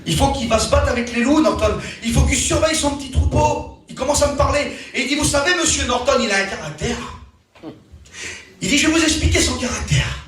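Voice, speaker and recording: A man preaching a testimony sermon, telling a story with animated rises and falls in his voice. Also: extremely high pitch, brisk, faint music behind. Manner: animated storytelling, voice rising and falling. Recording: very echoey room, from far off.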